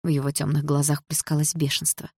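A woman narrating an audiobook with steady, even storytelling. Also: low-pitched, brisk, husky, dry recording, studio quality. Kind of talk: scripted narration.

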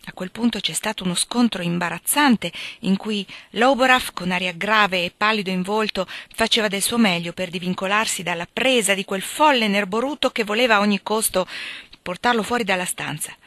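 A woman reading a classic novel aloud in a steady, expressive narration. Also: medium pitch, brisk, no room sound. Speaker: reader. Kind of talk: audiobook narration.

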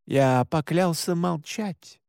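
A man's voice: fairly high pitch, lively intonation, moderate pace, creaky, darkish tone, no room sound, clean studio sound. Man voicing a cold, mocking younger brother.

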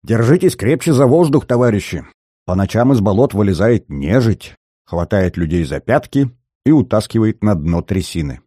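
A man's voice: fairly low pitch, expressive, normal speed, dark tone, no echo, studio quality. A man voicing a joking, nosy young male soldier, eager and playful.

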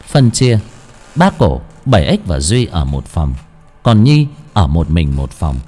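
A man's voice: deep voice, huge pitch swings, unhurried, mellow, husky. A man narrating a ghost story expressively and voicing each figure. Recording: faint background music.

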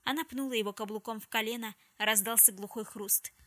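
A woman narrating a novel aloud in a steady storytelling manner. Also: fairly high pitch, fairly quick, no room sound. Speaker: audiobook reader. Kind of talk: scripted narration.

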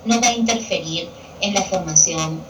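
Female teacher, patient and repetitive; low-ish voice, distant, echoey room with TV noise. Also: moderate pace, a bit bright. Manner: patient, repeats key terms for students. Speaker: Spanish language teacher. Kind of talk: classroom grammar explanation. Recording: echoey room picked up from afar with television noise.

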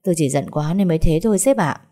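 A woman's voice: low voice, lively intonation, fast talker, dark tone. A woman voicing a drunk, lecherous older male sales manager who blusters and then grovels, stammering through fillers. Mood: accusing.

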